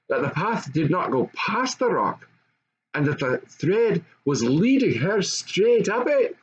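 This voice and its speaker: An older man, an amateur storyteller, reads a children's story aloud with expression. His voice is fairly high and husky. It's a dull, lo-fi home recording with faint noise.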